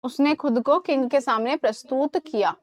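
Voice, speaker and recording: A woman English teacher giving a live online class, explaining in Hindi and reading English examples slowly, often checking that students follow. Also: high-pitched, no room sound. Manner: asks students questions and checks understanding.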